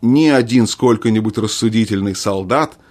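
A wary court lord, voiced by a man reading a storybook, pitched a little above the narrator. he speaks formally and deferentially to his king. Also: normal speed, darkish tone, natural voice. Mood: cautious. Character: wary courtly male lord, cautious adviser.

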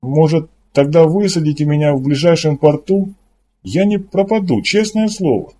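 A man voicing a freed male slave in an audiobook, talking in a halting, disbelieving way with a raised voice. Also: fairly high pitch, mellow, slight background noise, pitched above the performer's own voice, natural voice. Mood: hesitant. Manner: hesitant, halting, incredulous. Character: rescued middle-aged male slave, bewildered and pleading.

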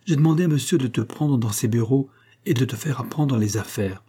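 A man voicing a kind invalid lady who speaks gently but firmly to her young servant, in a read-aloud novel. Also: mid-range voice, brisk, slightly rough, close to an everyday voice. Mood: gentle, firm. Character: kindly invalid lady, firm yet tender.

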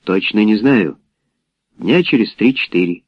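A man's voice: on the low side, animated, unhurried, breathy edge, dry recording. A man voicing a cold, dry-humored male teacher in an audiobook. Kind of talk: audiobook character voice. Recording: dull lo-fi audiobook recording.

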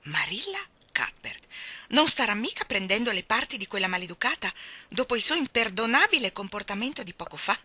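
A woman's voice: medium pitch, very animated, measured pace, sharp tone, breathy edge, full character voice. A woman reading aloud, voicing a blunt, nosy older neighbor who speaks in a scornful manner. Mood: indignant.

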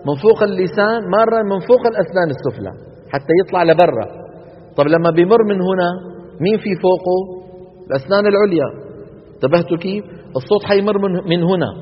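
A man's voice: high-pitched, quick pace, slightly rough. A man teaching Quran recitation in a lecture, demonstrating letter sounds and asking students to repeat them. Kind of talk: classroom lecture on articulation. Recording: dull recording with long hall reverb.

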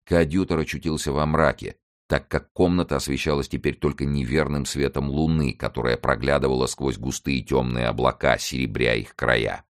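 A man narrating an audiobook in a steady storytelling manner. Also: rumbling low, normal speed, few pauses, no echo, clean studio sound.

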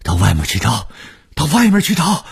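A man voicing a frantic young woman who shouts commands and cries out desperately as she searches for a missing friend. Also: low voice, wildly swooping pitch, normal speed, vocal fry, breathy edge, no echo, studio quality, pitched above the performer's own voice, full character voice. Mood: urgent commands.

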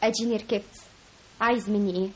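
A woman's voice: steady tone, very fast, noisy background, close to an everyday voice. An actress playing a young woman in love who learns she was deceived, tearful and pleading, in an old radio drama. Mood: hurt, bitter. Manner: tearful, pleading, breaks into high cries. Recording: radio drama with music behind.

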